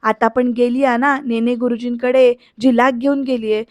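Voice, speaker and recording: A woman's voice: fairly high pitch, steady tone, moderate pace, a little mellow, dry recording, clean studio sound, close to an everyday voice. A woman reading the lines of a bitter, power-hungry middle-aged man. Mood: scornful. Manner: bitter, grumbling.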